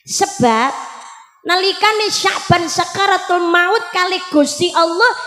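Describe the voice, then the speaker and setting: A woman voicing a calm, revered elderly man who gives counsel gently, with a Javanese accent. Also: very high-pitched, slow pace, full character voice. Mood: gentle. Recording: echoey hall with faint music.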